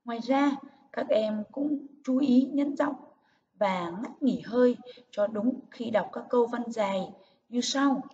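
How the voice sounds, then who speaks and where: A woman teacher giving a reading lesson to young children, speaking slowly with careful, clear enunciation. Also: fairly high pitch, dark tone. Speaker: primary school teacher. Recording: distant, muffled recording with faint hiss.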